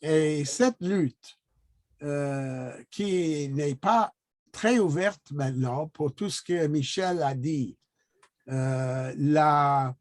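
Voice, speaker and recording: A man who is not a native French speaker, speaking French with a foreign accent in an unscripted discussion, haltingly searching for words. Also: fairly high pitch, no room sound, clean studio sound. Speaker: guest commenter in a discussion.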